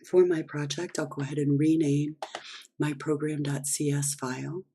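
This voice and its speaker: A programming instructor, hoarse and losing their voice, explaining step by step while working through a screen-recorded coding lesson. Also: mid-range voice, flat delivery, moderate pace, mellow, slight background noise.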